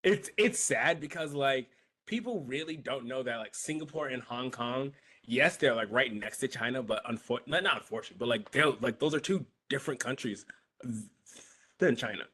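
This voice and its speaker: Bright young guy on a podcast, rambles, fixes himself mid-sentence, lots of laughs. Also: mid-range voice, animated, normal speed, slightly rough. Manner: rambling, self-correcting, laughs often. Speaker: podcast co-host. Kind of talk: casual chat.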